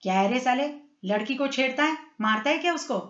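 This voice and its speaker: A woman voicing a rough, threatening gang leader in a story, who speaks lower than her usual voice. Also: animated, fairly quick, a bit bright. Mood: menacing. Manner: rough, menacing. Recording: roomy, slightly dull recording.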